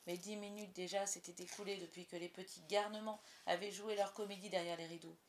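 A woman narrating a storybook aloud with expressive storytelling. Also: medium pitch, fairly quick. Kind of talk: audiobook narration.

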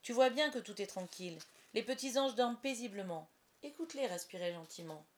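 A woman's voice: a little high, expressive, a little fast, natural voice. A woman reading a storybook, voicing a stern servant woman who scolds and threatens. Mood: coaxing. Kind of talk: storybook character voice.

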